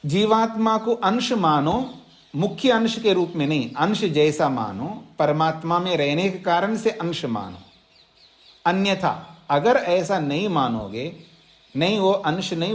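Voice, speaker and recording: A man teaching a scripture class, reciting Sanskrit verses and explaining them line by line, repeating phrases so students can write them down. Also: high-pitched. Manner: slow, repeats phrases for dictation. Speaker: Vedanta teacher. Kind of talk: scripture lecture. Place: ashram class.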